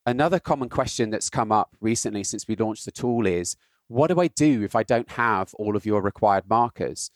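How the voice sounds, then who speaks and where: A man's voice: lowish voice, expressive, normal speed, no echo. British male guest, explanatory podcast chat, tags points with "right?", dead-dry mic. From Britain. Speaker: guest, health data scientist. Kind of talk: casual podcast conversation.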